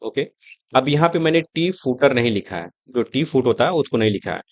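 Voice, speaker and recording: A man teaching a screen-recorded coding lesson, talking step by step in a relaxed, conversational way as he types and shows results. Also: medium pitch, brisk, no echo, dull audio. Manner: conversational, explaining step by step while typing. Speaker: coding tutor.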